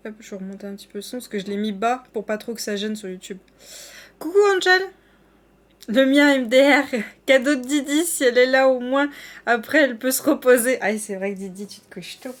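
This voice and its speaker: A woman chats to her viewers during a live stream, her voice sitting a little high. She talks loosely and warmly to her chat, full of fillers and restarts. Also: fairly quick.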